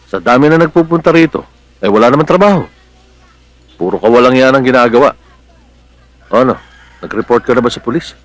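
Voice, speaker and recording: A man's voice: medium pitch, brisk, pauses often, no room sound, close to an everyday voice, low-quality recording. An actor playing a protective, hot-headed middle-aged policeman uncle in a Filipino film drama, with a Filipino accent and a blustery, affectionate manner. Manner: blustery, scolding yet affectionate.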